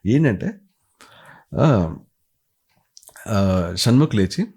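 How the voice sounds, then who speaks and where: A man's voice: lowish voice, big pitch swings, drawn-out words, dark tone, breathy edge. A man giving a casual commentary review, retelling scenes animatedly and acting out the quotes. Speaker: show reviewer.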